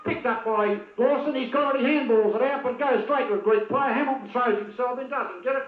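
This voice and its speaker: A man's voice: very high voice, a little fast. A man giving blunt, partisan commentary on an amateur football match, heckling players by name. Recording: tinny lo-fi old video with echo.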